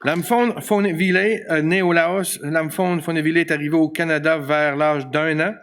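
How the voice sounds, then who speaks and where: A man's voice: a little high, steady tone, moderate pace, a bit bright. A man, hosting an event and reading panelist introductions with occasional fillers. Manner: reads bios steadily with fillers.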